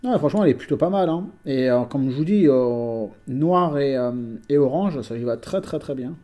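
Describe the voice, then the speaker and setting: A man's voice: medium pitch, expressive, normal speed, mellow. A man chatting casually at home as a collector vlogger, hesitant and talkative, with many fillers and restarts. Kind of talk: casual chat.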